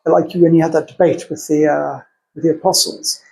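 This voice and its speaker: A co-host chatting casually about theology on a podcast, voice sitting at an everyday middle pitch. The delivery wanders and thinks aloud, often stepping into the voices of opposing arguments. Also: little pitch movement, a little fast, gravelly, darkish tone, poor audio.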